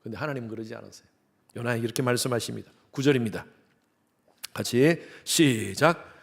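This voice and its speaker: In a church sanctuary, a middle-aged Korean pastor preaches a sermon, animatedly acting out the voices he quotes. His voice is medium-pitched, creaky and husky, and he speaks a little fast.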